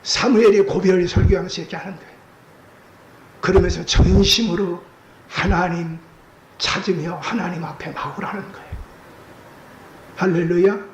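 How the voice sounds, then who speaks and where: A male pastor preaching a sermon with strong emotion, acting out quoted voices and rising to shouts. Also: sits high, fairly even intonation, moderate pace, pauses often. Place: church sanctuary. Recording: echoey church sanctuary, faint noise.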